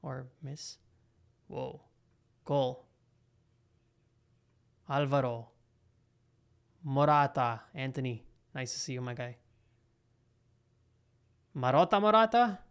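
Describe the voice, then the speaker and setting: A young man hosting a live football watch-along, calling the play with excitable reactions and chatting to his viewers. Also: mid-range voice, slow pace, creaky, pauses often, clear, resonant tone. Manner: excitable, talks to live chat between play calls. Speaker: live football stream host. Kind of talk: live match reaction commentary.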